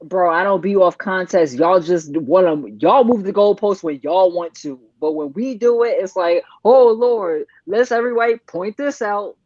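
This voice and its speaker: A woman's voice: medium pitch, normal speed, few pauses, darkish tone, no echo. A woman in her forties hosting a heated panel debate over a video call, combative and talking over the others. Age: 40s. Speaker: host. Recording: dry, dull lo-fi call audio.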